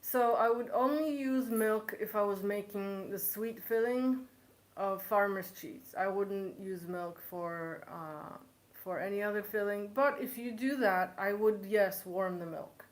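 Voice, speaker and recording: A woman's voice: medium pitch, measured pace. A woman in her forties from Poland, hosting a live cooking show Q&A, chatty and joking, laughing often. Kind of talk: live-stream Q&A chat. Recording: echoey room.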